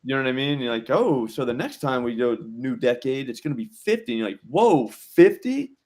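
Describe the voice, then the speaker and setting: Thirties male betting-show host, middle-pitched, relaxed drawl, casual chat. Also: moderate pace. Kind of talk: casual live-stream chat.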